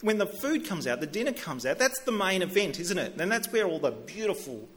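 Middle-aged male preacher, relaxed conversational sermon delivery, voice a touch higher than usual, frequent restarts. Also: fairly quick. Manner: conversational, repeats words when starting sentences. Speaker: pastor.

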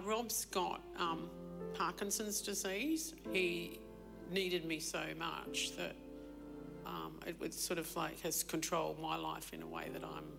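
A woman with a lowish, gravelly voice tells her own story for a ministry video. She speaks reflectively and haltingly, pausing on fillers as she searches for words. Music plays clearly underneath. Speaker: interviewee. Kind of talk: personal testimony in a video. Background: soft music.

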